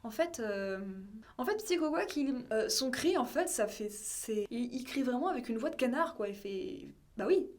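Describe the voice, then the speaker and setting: A young adult woman talks casually and hesitantly, with frequent fillers. Her voice sits a little above the usual pitch. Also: expressive, moderate pace, few pauses. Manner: hesitant, chatty, with many fillers. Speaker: YouTuber doing impressions. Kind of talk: casual chat.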